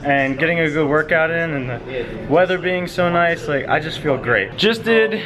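A man's voice: a little high, animated, moderate pace. A man in his twenties talking to the camera in a casual, upbeat and rambling vlog. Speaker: vlogger.

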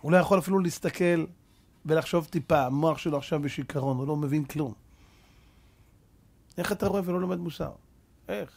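A man's voice: on the high side, vocal fry, pauses often, a little mellow. A man preaching a Torah sermon as a rabbi, fervent and full of rhetorical questions, mixing street slang with scripture.

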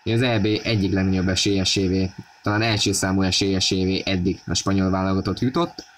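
A man giving football match commentary on a video game, excited and raising his voice at key moments. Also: deep voice, a little hiss or hum. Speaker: sports commentator.

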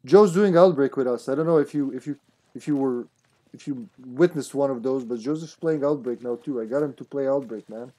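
Playful, excitable male game streamer, mellow tone. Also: mid-range voice, brisk. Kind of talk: casual chat while playing a co-op game.

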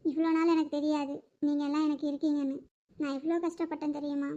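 A woman voicing a grieving young niece who pleads tearfully with her uncle in an animated drama. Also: high-pitched, fast talker, muffled recording, natural voice. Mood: sorrowful.

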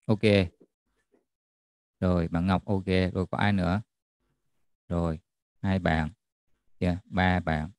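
A man's voice: low-pitched, fairly even intonation, slow pace, long pauses, darkish tone, no echo. A man tutoring a math class online, checking in often with students as he explains. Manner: checks in often with students, repeating "được chưa?".

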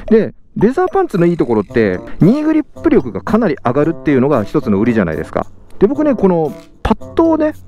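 A man's voice: on the high side, mellow. A young man vlogging about his motorcycle gear outdoors in a parking lot, talking from inside a full-face helmet and often stopping to correct himself. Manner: chatty, frequent fillers and self-corrections. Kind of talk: casual vlog talk. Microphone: helmet-mounted mic, speaking inside a full-face helmet.

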